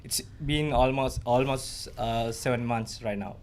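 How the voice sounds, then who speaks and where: A man's voice: mid-range voice, unhurried, a little mellow. Guy from sri lanka on a student panel, medium voice, cheerful but lots of uhs. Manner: upbeat, hesitant with many fillers.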